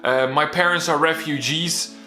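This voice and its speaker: In a candid, casual vlog, a young man raised in the Netherlands, whose first language is Bosnian, earnestly tells his own motivational story. His voice sits on the high side with a steady, sharp tone at normal speed. Soft music plays behind him, and the room has a roomy echo.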